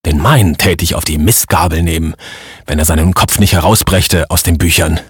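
A man voicing a coarse, blustering middle-aged village man who mocks loudly in a husky voice. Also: low-pitched, a little fast, no room sound, studio quality. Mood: dismissive. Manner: blustering, mocking, raised voice.

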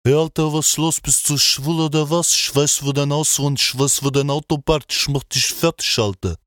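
A man's voice: fairly high pitch, steady tone, moderate pace, fairly bright tone, dry recording, studio quality, lightly acted. A man playing an aggressive, threatening street tough with slangy, menacing delivery.

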